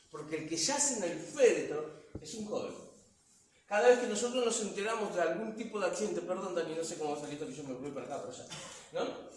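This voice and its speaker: A man preaching a sermon as pastor, with impassioned swings from soft to loud. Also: high-pitched, a little hiss or hum. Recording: echoey hall, voice from far off.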